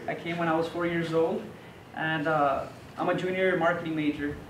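A man's voice: fairly high pitch, fairly even intonation, moderate pace, fairly bright tone, a little hiss or hum. A man, a student born in Mexico, briefly introducing himself to a class. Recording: echoey classroom, distant mic.

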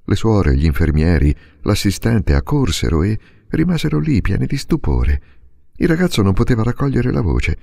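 A man giving an expressive, dramatic interpretive reading of a novel as narrator. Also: lowish voice, normal speed, vocal fry. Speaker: audiobook reader.

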